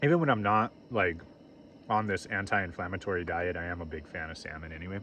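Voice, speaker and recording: Low-pitched man vlogging outdoors, casual. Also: fairly quick, bright, forceful tone. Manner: informal, talking through what he is doing. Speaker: camping vlogger. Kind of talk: casual chat to camera while cooking and camping. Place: outdoors at a campsite. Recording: noisy outdoor ambience.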